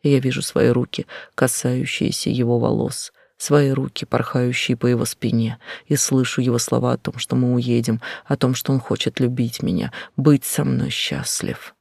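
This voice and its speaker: A man narrating a first-person novel in a quiet, intense, often whispered delivery. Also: mid-range voice, level tone, moderate pace, creaky, hardly any pauses, no echo, clean studio sound. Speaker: audiobook narrator.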